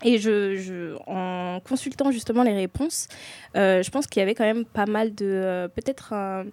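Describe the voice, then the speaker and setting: A young woman guides a casual group discussion at a hesitant, stop-start pace. Her voice sits at an ordinary middle pitch. The sound is dry and close. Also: moderate pace, a little mellow, dry recording. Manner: hesitant, many fillers. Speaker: discussion leader.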